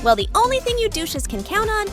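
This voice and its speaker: A man's voice: very high voice, wildly swooping pitch, a little fast, pitched above the performer's own voice, exaggerated voice. A man's synthetic voice playing a female rose plant who mocks and threatens a group. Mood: taunting. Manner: mocking, threatening. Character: catty female rose plant, taunting, sharp-tongued. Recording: music behind.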